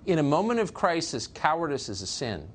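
A man's voice: on the high side, sing-song, fairly quick, a little hiss or hum. A man hosting a political commentary show, speaking emphatically and building to indignant questions. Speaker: host.

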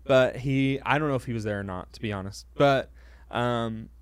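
Pastor type, mid-pitched, telling stories haltingly in a dry room. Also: male voice, smooth, no echo. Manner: hesitant, many fillers and restarts, self-deprecating. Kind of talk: casual conversational storytelling.

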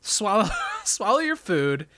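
A man in casual conversation about a movie, animated and laughing often as he acts out quotes. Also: high-pitched, takes it slowly, dry recording.

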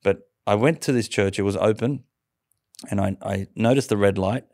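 Man, interview guest, low gravelly voice, animated storyteller who restarts his sentences. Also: normal speed, no echo, studio quality. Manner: lively storyteller, laughs often, stumbles and restarts. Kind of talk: telling a personal conversion story.

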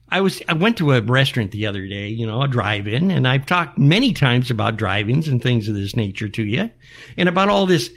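An older American man hosting a show, ranting in an exasperated, folksy back-in-my-day manner full of rhetorical questions. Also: medium pitch. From United States. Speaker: show host. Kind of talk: back-in-my-day style rant monologue.

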